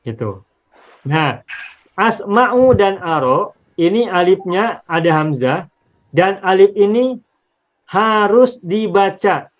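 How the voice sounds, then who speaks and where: A man's voice: high-pitched, lively intonation, takes it slowly, long pauses, lo-fi sound. A man teaching an Arabic linguistics lesson on the Quran, explaining patiently step by step and repeating examples.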